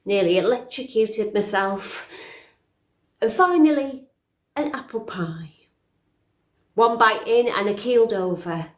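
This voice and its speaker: A woman's fairly high voice, lively in intonation, brings to life a middle-aged fairytale princess reflecting on her past. She's slow, dry and reflective, confiding with understated wit and a tired edge, in an intimate, conversational monologue recorded in an echoey room.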